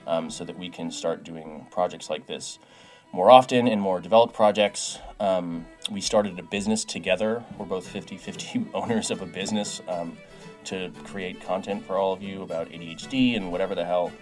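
A man's voice: sits low, normal speed, a little mellow, soft background music. A man co-hosting a tabletop podcast who talks in an earnest, rambling, hesitant way. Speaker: player and podcast co-host.

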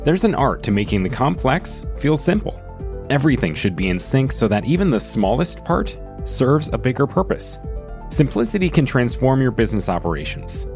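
A man reads a scripted sponsor message. His mid-pitched voice moves with lively intonation. Faint music sits underneath. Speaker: ad announcer.

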